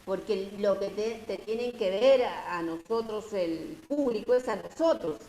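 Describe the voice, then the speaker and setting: A woman's voice: mid-range voice, unhurried, warm tone, echoey room, poor audio. A woman teacher with a Peruvian Spanish accent, lecturing her class over a video call and explaining step by step with many tag questions.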